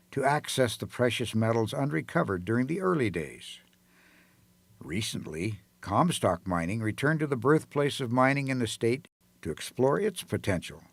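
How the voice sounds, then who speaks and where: Low guy narrating a documentary, lively pitch, dry close sound. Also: no echo. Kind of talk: scripted narration.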